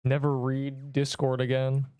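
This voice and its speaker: While streaming a game, a young man with a faint Canadian accent rambles through casual chatter, often cutting himself off. His voice is medium-pitched, monotone, mellow, and a bit slow. It sounds clear and resonant.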